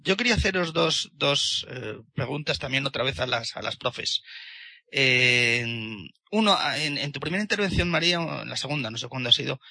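A man from with a gravelly, husky voice that is sharply bright. He talks in a discussion, indignant and halting, full of restarts. The sound is dry and close. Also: mid-range voice, animated. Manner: indignant, hesitant with many restarts. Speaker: participant in a discussion. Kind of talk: casual debate talk.

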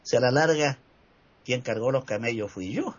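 A man voicing a greedy, suspicious male merchant in a told tale, in a husky voice. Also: mid-range voice, moderate pace, voice pushed down, close to an everyday voice. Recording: slightly muffled recording.

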